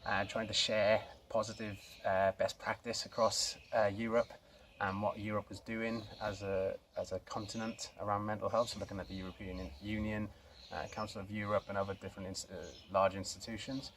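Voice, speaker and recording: Welsh guy from swansea doing an unscripted intro, lowish voice, bit of background noise, kinda stop-start. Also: little pitch movement, a little fast, fairly bright tone. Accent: South Welsh. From Swansea, Wales. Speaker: co-founder of a youth mental health organisation, introducing himself. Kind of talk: casual, unscripted self-introduction to camera.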